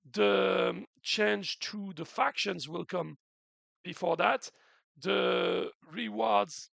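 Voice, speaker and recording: His voice is high, creaky, husky and a bit bright, which he himself calls unusual, in a dry recording. Hosting a game's community stream, he walks through updates in an earnest, casual way with frequent restarts, his throat slightly sore post-flu.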